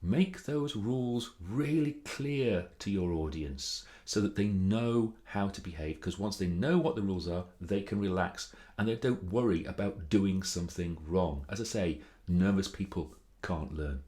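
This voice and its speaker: Speaking to camera for his video series, a British presentation coach gives casual advice in a deep, mellow voice. He keeps a measured pace with hardly any pauses, yet stays chatty, theatrical and emphatic.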